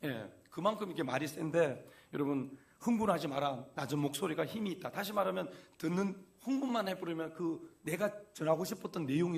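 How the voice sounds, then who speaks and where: A male pastor delivers a folksy sermon, slipping into little acted-out quotes of everyday talk. His voice is gravelly with fry and sits slightly high for a man. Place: church sanctuary.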